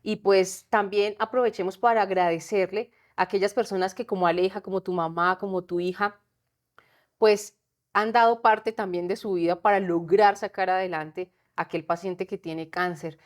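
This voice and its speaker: Gentle woman hosting an interview. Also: mid-range voice, steady tone, normal speed. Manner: gentle, coaxing, asks openly. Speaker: podcast host.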